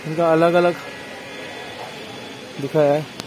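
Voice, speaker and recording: Speaking slowly in a level tone on the high side, a man gives a casual walking-tour vlog at a marble temple. His explanations of the wall paintings are simple and plain, captured on a noisy outdoor phone recording.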